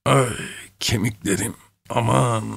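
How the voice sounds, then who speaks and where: A man's voice: on the low side, measured pace. A man voicing a frail, toothless old male veteran in an audiobook, rambling as he reminisces. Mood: groaning. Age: older. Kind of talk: audiobook character voice.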